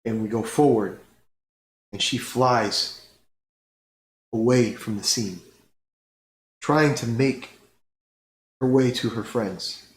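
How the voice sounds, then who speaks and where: A man running a tabletop game, narrating scenes slowly with fillers and pauses. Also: medium pitch. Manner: slow, unhurried storytelling with fillers. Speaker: game master. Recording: roomy with faint noise.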